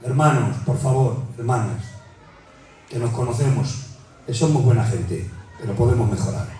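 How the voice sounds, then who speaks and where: A man from Spain with a Peninsular Spanish accent preaching a sermon, fervent and repetitive, often climbing to near-shouting and calling out to the congregation. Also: medium pitch, moderate pace. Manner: fervent, rises to near-shouting, repeats "hermanos". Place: church hall. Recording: very echoey hall, mic far off, faint music.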